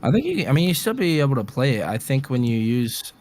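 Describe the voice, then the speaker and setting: A man's voice: mid-range voice, very animated, quick pace, background noise. A man running a tabletop game as dungeon master over a voice call, casual and swearing. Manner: casual and swearing, laughing often. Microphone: computer mic on a voice call. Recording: music playing clearly behind. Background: guitar music.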